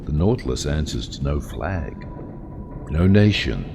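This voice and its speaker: An actor playing a proud, brooding, self-exiled submarine captain in an audio drama, with grandiose, deliberate, theatrical delivery and a gravelly voice. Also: male voice, very deep voice, big pitch swings, background noise, heavily acted. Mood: defiant.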